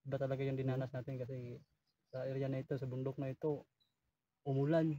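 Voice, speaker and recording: Flat, dark-voiced man heard from afar. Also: mid-range voice, fast, slight background noise. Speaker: vlogger on a jungle outing. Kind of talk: casual chat among friends. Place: outdoors on a mountain. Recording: distant, dull lo-fi outdoor mic.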